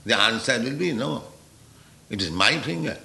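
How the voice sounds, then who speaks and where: A man giving a philosophical spiritual lecture, deliberate and pausing, checking in with the listeners with a rhetorical "huh?". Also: medium pitch, lively intonation, gravelly, bright, forceful tone, echoey room. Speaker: spiritual teacher.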